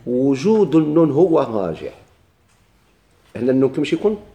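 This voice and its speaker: A man's voice: mid-range voice, big pitch swings, a little fast, warm tone. A man with a Moroccan Arabic accent teaching a grammar lesson, asking his class questions and answering them himself while he repeats the key points.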